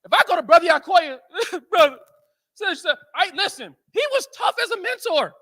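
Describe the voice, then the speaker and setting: American conference speaker, male, high and sharp voice, storytelling motivator. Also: moderate pace. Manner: animated storyteller, keeps asking "right?". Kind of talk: motivational speech to men.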